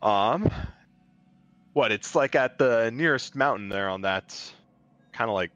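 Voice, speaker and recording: A man's voice: medium pitch, unhurried, a bit bright, dry recording, muffled recording. A man playing his character at a tabletop game, talking casually and rambling with fillers. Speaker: player. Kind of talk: in-character tabletop role-play.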